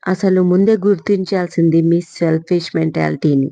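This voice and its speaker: Brief: woman narrator plays wounded young man, cutting tone, dark husky timbre, dull recording. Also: fairly low pitch, fairly even intonation, normal speed, no room sound. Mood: bitter accusing. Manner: harsh, accusing. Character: angry young man confronting his scheming aunt.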